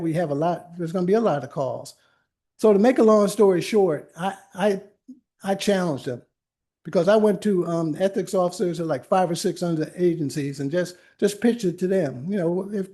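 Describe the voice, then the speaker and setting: In a library meeting room, an older man who works as an attorney and runs workshops gives a casual talk built on his own stories. He has a high-pitched, mellow voice and chats his way along, often restarting and wandering into asides.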